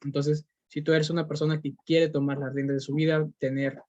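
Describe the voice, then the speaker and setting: His fairly high voice has a level, darkish tone and runs a little fast, with no room sound. The young Peruvian host, speaking with a Peruvian Spanish accent, rambles earnestly through a motivational podcast monologue, restarting and using fillers often. The recording is dull and lo-fi.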